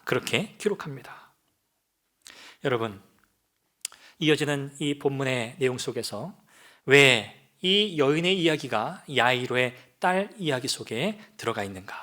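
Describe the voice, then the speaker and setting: A man's voice: on the high side, pushed and bright. A man, a pastor, preaching a Sunday sermon with rhetorical questions and acted-out quotes. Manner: dramatic, rhetorical questions, acts out voices.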